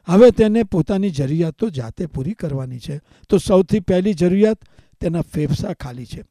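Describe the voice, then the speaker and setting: A man's voice: high voice, expressive, moderate pace, mellow, no room sound, studio quality. A male meditation teacher giving a spiritual discourse, building rhythmic repeated lists and chanting short refrains.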